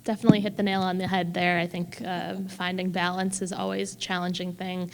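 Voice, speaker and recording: A woman panelist speaking in a measured, thoughtful way. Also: on the low side, flat delivery, creaky. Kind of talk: panel discussion. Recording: long hall reverb.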